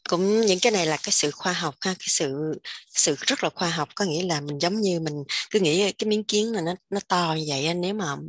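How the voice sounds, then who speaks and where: A woman's voice: lowish voice, fairly bright tone, slightly rough, no room sound. A woman telling stories in a chatty way, often laughing. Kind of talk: religious discussion.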